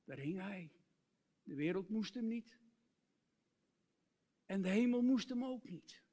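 A male preacher giving an earnest sermon, reciting hymn lyrics and dropping to soft, tender tones. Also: high-pitched, animated, slow pace.

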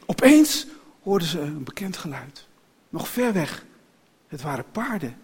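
Guy reading a kids story out loud, expressive, voice a bit high. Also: slightly rough. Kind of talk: reading a children's story aloud.

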